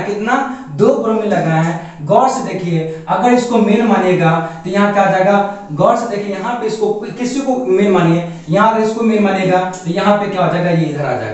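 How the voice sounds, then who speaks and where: A man's voice: high voice, a little mellow. A man teaching a chemistry lesson at a board. He keeps asking the class questions and then answers them himself, and calls the students "babu". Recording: echoey room, voice from far off.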